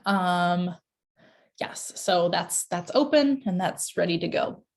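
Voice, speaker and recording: A woman's voice: lowish voice, expressive, takes it slowly, creaky. Casual woman instructor on a video call. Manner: casual, many fillers and restarts. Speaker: dental course instructor. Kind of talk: online class session.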